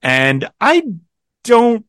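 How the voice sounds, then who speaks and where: A man hosting a podcast, chatting casually and telling rambling, animated stories with lots of fillers. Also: very high-pitched, extremely slow, clean tone, dry recording, clean studio sound. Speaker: podcast host. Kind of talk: casual chat.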